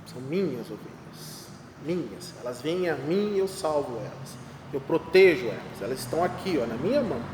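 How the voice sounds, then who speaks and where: A man's voice: fairly high pitch, expressive, normal speed, background noise. A man with a Brazilian accent teaching a Sunday school Bible lesson, stressing his points, repeating key lines and asking the class rhetorical questions. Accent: Brazilian Portuguese. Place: church classroom or hall. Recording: echoey hall with long reverb.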